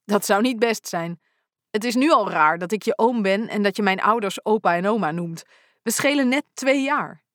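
A woman's voice: medium pitch, expressive, normal speed, dry recording, clean studio sound, natural voice. A woman voicing a laid-back, teasing teenage boy who jokes with his niece.

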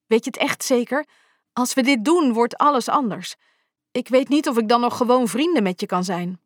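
Woman reading as a gentle, hesitant man. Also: very high voice, normal speed, no room sound, clean studio sound, voice pushed up. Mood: worried tender. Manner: soft, hesitant. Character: hesitant, gentle adult man, a lover and old friend.

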